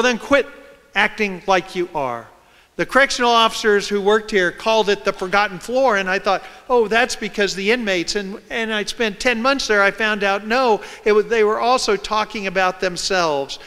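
A man's voice: sits high, bright, forceful tone, clear, resonant tone. A man, a reporter, telling stories to an audience in a dramatic lecture style. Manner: dramatic, acts out scenes and quotes. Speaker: reporter giving a public talk. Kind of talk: storytelling lecture. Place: large lecture hall. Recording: reverberant hall.

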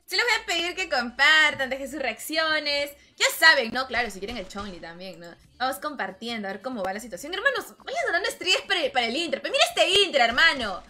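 A woman's voice: high-pitched, animated, fast talker, hardly any pauses, pushed and bright. A woman streaming a game live from home, chatting and teasing her viewers, often calling them brother. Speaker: gaming livestreamer. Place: home room with her cat nearby.

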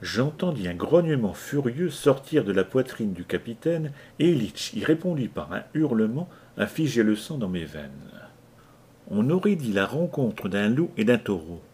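A man narrating an adventure novel aloud in a measured, dramatic reading. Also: mid-range voice, big pitch swings, darkish tone, breathy edge. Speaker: audiobook reader. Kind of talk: scripted narration.

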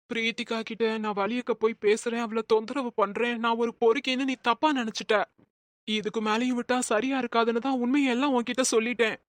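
A woman plays a patient young cartoon man with a somewhat high voice on a dry, close mic. He explains himself earnestly and steadily. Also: fairly bright tone, no room sound, close to an everyday voice. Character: calm, patient young man, a wronged husband. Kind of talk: Tamil cartoon voice acting.

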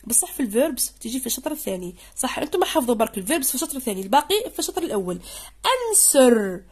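A woman teaching English to secondary students in Algerian Arabic, going through an exam and reading out English words slowly, again and again. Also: high voice, very animated, a little mellow, breathy edge. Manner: explains in dialect, reads English slowly and repeats words.

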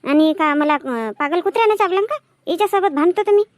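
A woman playing a sharp-tongued village woman who quarrels and talks back fast in a comedy sketch. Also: very high voice, expressive, no room sound. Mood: quarrelling. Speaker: sketch actress.

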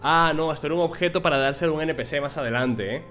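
A man's voice: a little high, rapid-fire, a bit bright, faint music behind. A man from streaming a video game, chatting casually with his viewers and reading the game's text aloud. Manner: casual, chatty, talks to chat and reads dialogue. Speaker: gaming streamer.

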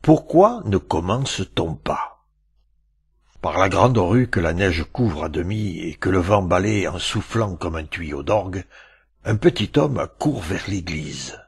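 Slow gravelly male storyteller. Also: low-pitched, animated. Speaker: narrator. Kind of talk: reading a classic tale aloud.

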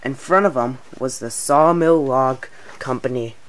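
A man's voice: mid-range voice, measured pace, fairly bright tone. A young man narrating a homemade toy-train story in a plain, casual way.

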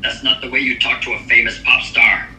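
A man's voice: mid-range voice, flat delivery, a little fast, bright, forceful tone. A synthetic man's voice playing a vain, touchy young female pop star who talks back indignantly, played back over a speaker. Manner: indignant, defensive. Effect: synthetic text-to-speech voice. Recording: echoey speaker playback, faint music.

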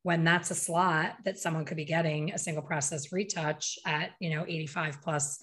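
A woman's voice: deep voice, steady tone, moderate pace, fairly bright tone. A woman in her fifties, a hair color educator talking animatedly on a video call, gesturing with her hands and acting out what people say. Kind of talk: casual video call interview. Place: small bright room at home. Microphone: desk microphone on video call.

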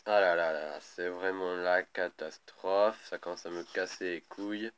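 A man's voice: sits low, fairly even intonation, a little slow, a bit bright, smooth. A man commentating live on a mobile game as a raging gamer, irritable and prone to swearing. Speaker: gaming video host.

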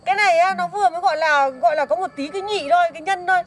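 A woman's voice: very high voice, rapid-fire, a little hiss or hum. A woman in comedic banter, teasing and accusing her friend in a gossipy way. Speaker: village woman in comedy skit.

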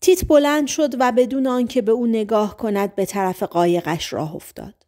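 A woman narrating a novel in a calm, measured reading voice. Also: a little high. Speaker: audiobook narrator. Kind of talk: scripted narration.

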